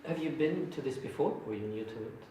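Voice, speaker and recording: A man's voice: mid-range voice, lively intonation, fast, crowd noise. A male teacher leading a Socratic-style session, asking probing questions and often restarting his sentences. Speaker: teacher leading a reasoning exercise. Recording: very echoey room, distant mic, faint hiss.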